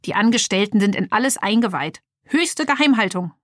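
A proud, eager little toy robot from a children's storybook, voiced by a woman reading aloud. He talks brisk and high, showing off what he can do. The recording is close and dry. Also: animated, a bit bright, dry recording. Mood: explaining. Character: cheerful little transforming toy robot, male.

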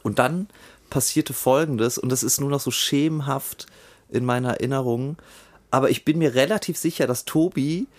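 A middle-aged man in casual podcast conversation. He tells his story animatedly and slips into excited reenactments of what people said. His pitch sits in a middle range for a man. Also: normal speed. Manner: animated storyteller, acts out scenes with raised voice. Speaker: podcast host. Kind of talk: casual chat.

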